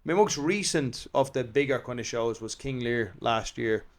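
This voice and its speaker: Rambling Irish actor telling stories. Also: male voice, mid-range voice, expressive, normal speed. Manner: rambling storyteller, self-deprecating. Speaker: guest, actor and comedian. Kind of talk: casual interview chat.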